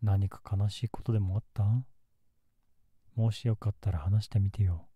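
A man as a very mellow, gentle lovelorn youth. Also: fairly low pitch, fairly even intonation, moderate pace, breathy edge, dry recording. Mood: gentle, musing. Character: gentle, melancholy young man secretly in love. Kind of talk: ASMR role-play. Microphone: close ASMR microphone in a dry space.

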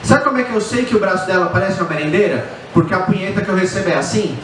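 Racing through his material in a high-pitched voice, this middle-aged Brazilian-accented stand-up comedian tells crude, casual stories to a live crowd, handheld mic in hand on a small indoor bar stage. The distant recording carries heavy echo and faint background noise.

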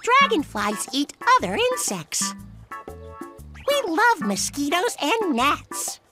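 A woman voicing a friendly dragonfly who explains things simply and deliberately in a children's educational cartoon. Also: high-pitched, wildly swooping pitch, over loud music, exaggerated voice. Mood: friendly, informative. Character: bright, friendly, high-voiced dragonfly.

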